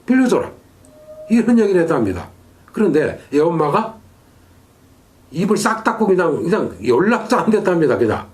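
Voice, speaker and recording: A male shaman tells his story with emphatic, animated energy. His voice sits somewhat high for a man, and his pitch swings widely from word to word. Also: moderate pace. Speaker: shaman and exorcist. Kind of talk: storytelling monologue.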